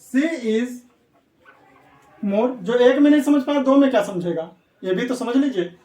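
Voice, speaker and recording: A man's voice: very high voice, lively intonation, unhurried, warm tone, distant mic. A man teaching English grammar for competitive exams, repeatedly asking questions and answering them himself. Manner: repetitive, asks students questions and answers them. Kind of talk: classroom lecture for exam prep. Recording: echoey room, voice away from mic.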